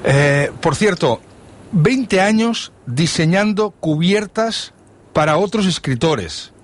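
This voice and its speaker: A man's voice: high voice, expressive, slow pace. A man hosting a book interview in a courteous, formal way. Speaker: interviewer and host.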